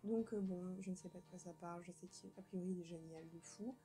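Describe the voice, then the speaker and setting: A young woman with a fairly low, steady, mellow voice chats quickly and casually about the books she plans to read, rambling and joking at her own expense with lots of fillers and restarts. She's a book vlogger, and the rough recording has soft music in the background.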